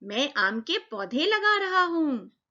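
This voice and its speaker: A woman voicing a patient, wise old male farmer, read slowly in a storybook lesson on a dull, lo-fi recording. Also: sits high, big pitch swings, sharp tone, voice pushed up, exaggerated voice. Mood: calm wise.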